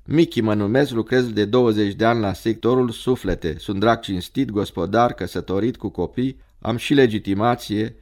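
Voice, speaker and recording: Hoarse male devil, weary clerk, grumbling folksy talk, storybook voice, read by a man. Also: fairly low pitch, hardly any pauses, darkish tone, natural voice. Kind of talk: audiobook character voice.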